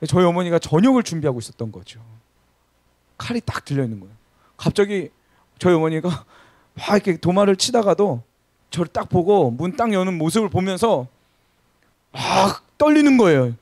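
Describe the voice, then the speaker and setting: A man's voice: high voice, big pitch swings, normal speed, long pauses, darkish tone, no room sound. A man in his thirties preaching a sermon as pastor in a church service, telling funny stories and asking the congregation questions. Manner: engaging, asks the congregation questions, humorous storytelling.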